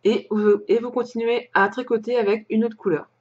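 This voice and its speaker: A woman's voice: fairly high pitch, steady tone, moderate pace, a little mellow, husky. Chatty French woman, dull lo-fi sound. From France. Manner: hesitant, many fillers and restarts, chatty with light laughs. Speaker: crafting podcast host. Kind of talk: casual show-and-tell chat.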